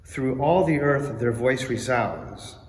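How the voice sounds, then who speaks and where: A male lector reads scripture and leads the psalm in a steady, clear voice of middle pitch. His voice rings out in the long echo of a large church, with faint room ambience under it. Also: takes it slowly. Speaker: lector at Mass. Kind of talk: liturgical reading and psalm.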